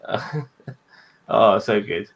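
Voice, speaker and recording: A man hosting a casual reaction chat, enthusiastic and quick to laugh, often restarting his words. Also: fairly low pitch, expressive. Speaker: host.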